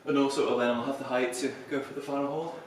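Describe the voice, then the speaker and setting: A man's voice: mid-range voice, steady tone, fast, slight background noise. A man narrating casually while he climbs at an indoor bouldering gym, talking to himself between moves. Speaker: climbing vlogger. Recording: very echoey hall, distant mic, background music.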